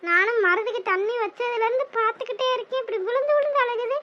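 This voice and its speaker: A woman's voice: very high-pitched, steady tone, fast talker, lo-fi sound. Woman doing a sweet young niece, consoling. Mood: puzzled.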